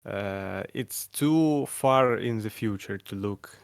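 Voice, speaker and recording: Slow, hesitant man with a Ukrainian accent. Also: on the low side, creaky, no echo, studio quality. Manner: hesitant, halting, laughs often. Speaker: guest vocalist. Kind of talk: casual chat on a stream.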